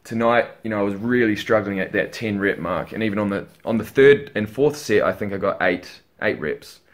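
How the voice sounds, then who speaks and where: A young man with a somewhat low voice talks casually and tiredly into a webcam at home. He rambles loosely and swears offhandedly, like a regular fitness vlogger catching his viewers up. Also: a little fast. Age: young adult. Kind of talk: casual vlog chat. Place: bedroom at home, indoors.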